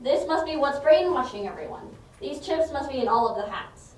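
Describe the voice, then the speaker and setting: Woman playing an earnest sidekick, high echoing voice. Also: animated, moderate pace, darkish tone. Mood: resolute. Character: earnest, sensible detective's sidekick, quick to worry. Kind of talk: theatrical comedy drama acting. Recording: very echoey room, distant mic, faint noise.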